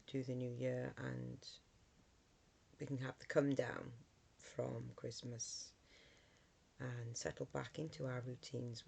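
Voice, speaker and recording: A middle-aged vlogger, hoarse from a cold, talks casually to camera in a mid-range voice, filling his speech with ums and restarts.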